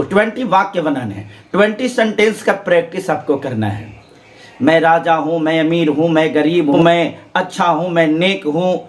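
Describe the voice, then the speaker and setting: A man teaching English grammar in Hindi, explaining step by step and asking and answering his own questions. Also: sits high. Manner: drills learners to repeat aloud.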